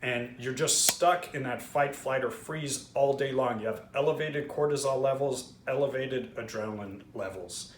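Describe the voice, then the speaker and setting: A man from Israel who hosts a trauma-healing channel talks earnestly to camera at a moderate pace and medium pitch, with hardly any pauses. He explains things candidly, with frequent fillers and restarts. The recording has a roomy echo and faint background noise.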